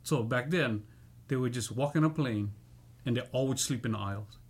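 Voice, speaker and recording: A man telling stories in a casual chat, laughing often and animated when he acts out quotes. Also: mid-range voice, moderate pace, slightly rough. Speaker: musician guest.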